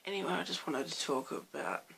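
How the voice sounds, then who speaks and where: A young Australian man with a hoarse, croaky voice, chatting loosely in a late-night vlog and rambling through restarts. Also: a little high, sing-song, brisk, bright, forceful tone. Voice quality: gravelly fry. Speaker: vlogger.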